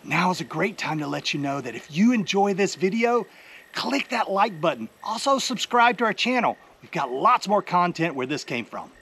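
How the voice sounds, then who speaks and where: Middle-aged man, slightly high-pitched, casual how-to, practical step-by-step, outdoors, camera held at arm's length. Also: sing-song, normal speed, a bit bright, a little hiss or hum. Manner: plain step-by-step explaining, friendly and practical. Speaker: homesteading channel host. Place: outdoors beside a chicken coop on a farm. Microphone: handheld camera at arm's length.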